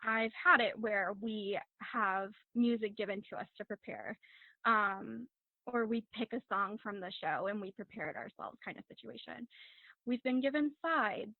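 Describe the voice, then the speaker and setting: A woman drama instructor giving calm, instructive audition advice in a casual chat over a video call. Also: medium pitch, creaky, no echo. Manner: instructive, encouraging, measured. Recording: tinny phone-like video call audio.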